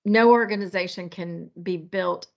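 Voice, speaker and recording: A woman talking through a work issue in a casual meeting, thoughtful and measured, with the hiccups. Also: lowish voice, vocal fry. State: has the hiccups. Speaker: manager in a work discussion. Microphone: video call. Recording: dull lo-fi meeting call.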